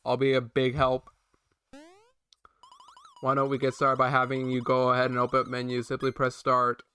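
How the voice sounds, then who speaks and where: A man's voice: mid-range voice, completely flat delivery, normal speed, sharp tone, smooth, faint music behind, natural voice. A man voicing a talking suitcase assistant in a game, reading in a stiff, formal way with small stumbles.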